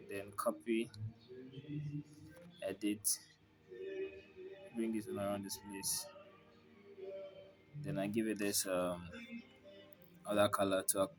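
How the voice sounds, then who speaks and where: Tutor: low, level-voiced man thinking aloud through design steps, music playing behind him. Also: poor audio. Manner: narrates each step plainly while working, thinking aloud. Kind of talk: screen-recorded design tutorial.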